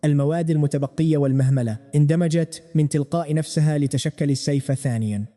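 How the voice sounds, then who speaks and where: A short, stubborn dwarf blacksmith, voiced by a man narrating a story, who boasts about his blades and presses his point. The voice runs quick and sits a touch high. Its timbre is deep and dark. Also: natural voice. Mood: storytelling. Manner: insistent, boastful. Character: proud, pushy male dwarf blacksmith, short.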